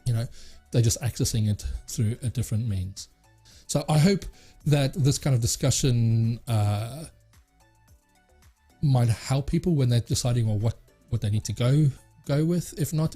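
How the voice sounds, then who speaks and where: A man's voice: medium pitch, warm tone, slightly rough. A man hosting a tech channel, talking casually to camera and rambling with many fillers and restarts.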